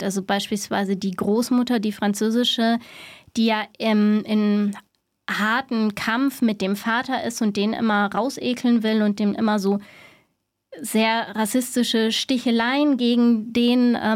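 Woman host discussing a book, thoughtful, hesitant at times, higher voice, dry close sound. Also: dry recording. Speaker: literary show host.

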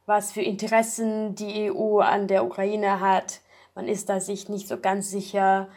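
Woman, interview, thoughtful, hesitant, many fillers, mid pitch. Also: a little mellow. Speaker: project member. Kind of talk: casual interview talk.

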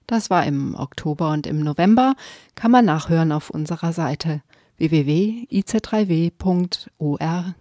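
A woman presenting a radio magazine show in a clear, measured announcing manner from a radio studio. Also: fairly low pitch, dark tone, dry recording. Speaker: radio host.

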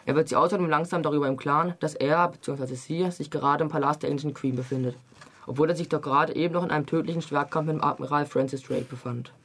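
A young man reading a novel excerpt aloud as a book reviewer, with a brisk, even delivery, then chatting casually about the book. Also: fairly high pitch.

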